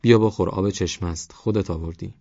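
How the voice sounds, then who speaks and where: A man's voice: low-pitched, steady tone, creaky, dark tone, slightly rough, no echo, highs cut off, heavily acted. A man voicing a caring, protective old village grandmother in an audiobook, talking in a fussing, cautioning way. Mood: tender.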